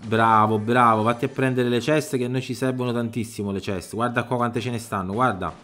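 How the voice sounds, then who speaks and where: A man giving excited live commentary over his own gameplay, swinging from loud urgent pleas to low mutters. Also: fairly quick, a little hiss or hum. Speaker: gaming YouTuber.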